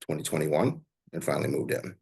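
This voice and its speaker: A man in his forties, a podcast guest speaking casually, pausing and searching for words. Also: a bass voice, lively intonation, gravelly, darkish tone, breathy edge. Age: 40s.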